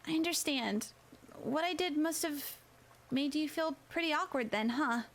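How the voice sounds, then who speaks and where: A woman voicing an earnest, chipper teenage schoolgirl in a whispered role-play storybook reading, eager and softly apologetic. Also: high-pitched, a little slow, voice pushed up. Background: rain and crackling fireplace.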